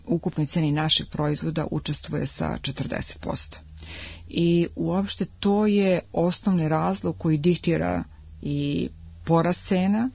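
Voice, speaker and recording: A woman, an industry adviser, explaining things in a measured way as a guest in a radio interview, pausing on drawn-out fillers. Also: deep voice, gravelly, no echo. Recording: dull lo-fi radio broadcast.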